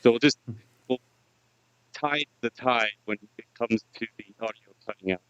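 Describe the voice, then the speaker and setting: A man's voice: mid-range voice, moderate pace, a bit bright, clean tone. A man chatting casually on an internet call, laughing along easily while his audio keeps dropping out. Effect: audio dropping out over a call connection. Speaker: co-host on a video call. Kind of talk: casual chat. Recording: dull lo-fi call audio with dropouts.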